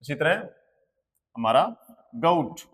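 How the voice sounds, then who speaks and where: A man with an Indian accent teaches pronunciation very slowly and patiently, with a slightly raised voice. He spells each word letter by letter and then repeats it. His voice rings in a room with a long echo. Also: on the high side, lively intonation, a bit bright, slightly rough. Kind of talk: slow board lesson. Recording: long hall reverb.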